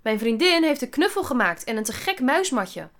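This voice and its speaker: A woman's voice: high voice, sing-song, normal speed, a bit bright, voice pushed up, heavily acted. A woman voicing a bold, chirpy schoolgirl who talks eagerly.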